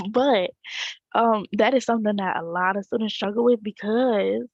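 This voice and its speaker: A woman's voice: mid-range voice, normal speed, darkish tone, no room sound, highs cut off. A woman teacher, talking casually to parents and checking in with a rhetorical "right?". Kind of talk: casual direct talk to parents.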